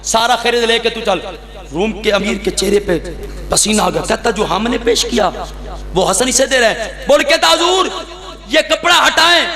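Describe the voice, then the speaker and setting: Male preacher, very high voice, acts out the stories and rouses the gathering, echoey hall. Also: bright, forceful tone. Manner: acts out the voices in his stories, calls the crowd to answer. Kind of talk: religious speech at a gathering.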